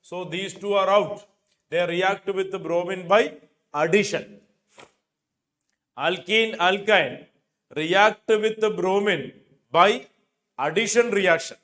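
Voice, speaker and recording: A middle-aged chemistry teacher with an Indian accent speaks in a high-pitched, fairly bright voice, taking it slowly with long pauses. He runs an exam coaching lecture, working through questions and repeating key phrases for emphasis. He's in an indoor teaching studio with a digital board, wearing a lapel microphone.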